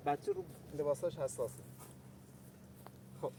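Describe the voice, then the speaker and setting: A martial arts instructor with a somewhat high voice teaches a self-defense lesson over slight background noise. He's energetic, counting out each step as he demonstrates, and chatty, repeatedly calling out to his viewers.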